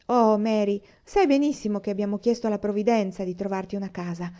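A gentle, pious young girl who pleads earnestly and sincerely, as a woman reading aloud puts her on. Her voice is warm and mellow. The sound is a little dull and lo-fi. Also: medium pitch, steady tone, quick pace, close to an everyday voice.

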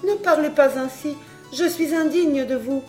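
A distraught young woman cries out in anguish, as the woman reading the novel puts her on. Her voice rises well above the reader's usual pitch and pleads with each line. A faint musical bed plays behind. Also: measured pace, darkish tone, soft background music.

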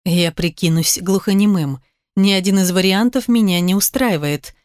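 A woman narrating a romance novel in an even, measured reading. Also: medium pitch, no echo, studio quality. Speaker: audiobook reader. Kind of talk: scripted narration.

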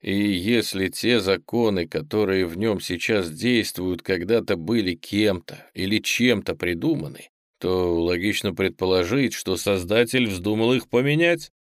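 A stern, decisive physics teacher, as a male narrator reads him, weighing each point in a measured, reasoning way. His voice sits low, and the sound is close and dry with no room around it. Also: dry recording.

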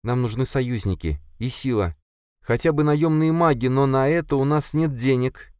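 A man's voice: medium pitch, moderate pace, a little mellow, clear, resonant tone, no room sound, clean studio sound, pitched above the performer's own voice, close to an everyday voice. A man voicing a tearful, bitter young noblewoman in an audiobook, reproachful and sniffling. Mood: sad. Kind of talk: audiobook character voice.

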